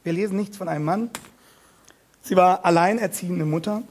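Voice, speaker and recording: With a high-pitched, husky, darkish voice, this preacher delivers a forceful sermon on a Bible passage. He slows to repeat important words and speaks straight to his audience with questions.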